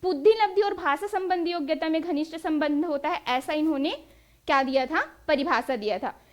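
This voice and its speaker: Woman teacher, very high voice, exam-prep lesson, asks and answers her own questions. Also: normal speed. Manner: drills students with quiz-style questions, then answers them.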